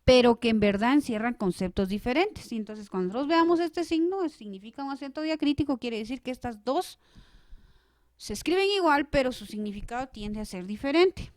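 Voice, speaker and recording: Female teacher for a recorded grammar lesson: clear and emphatic, a touch high, dry booth-like sound. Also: animated, brisk, darkish tone, dry recording. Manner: clear, emphatic, stresses syllables when giving examples.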